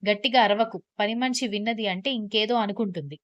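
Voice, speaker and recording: A woman voicing a calm, stubborn young male chief minister in a storybook reading, with firm, even delivery. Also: medium pitch, fast talker, muffled recording, natural voice. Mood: dry.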